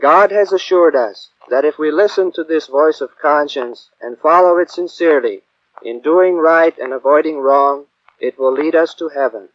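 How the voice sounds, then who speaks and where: A man from Kansas, a priest, preaching a calm, earnest sermon, heard from an old 1950 transcription record. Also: a little high, moderate pace, no room sound. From Kansas, USA. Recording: dull, dry old disc recording.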